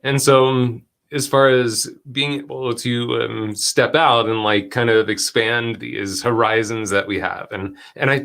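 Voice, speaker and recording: A man hosting a conversational talk, relaxed and affirming as he builds on his guest's points. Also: medium pitch.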